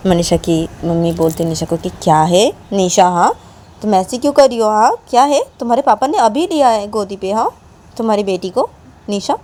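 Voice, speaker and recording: A woman voicing a middle-aged mother who scolds loudly. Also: mid-range voice, lively intonation, normal speed, voice pushed up, close to an everyday voice. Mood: scolding. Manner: loud, scolding.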